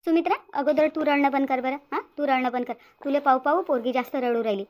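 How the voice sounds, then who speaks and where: [name], a woman doing a squeaky village busybody. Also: fairly even intonation, quick pace, darkish tone, natural voice. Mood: consoling. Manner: chattering, repetitive scolding-consoling. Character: chatty middle-aged village woman, bossy and consoling. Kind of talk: cartoon voice acting.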